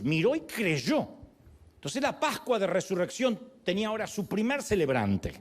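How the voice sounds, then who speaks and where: Male pastor, sermon delivery, high, very expressive voice, animated storyteller who acts out quotes.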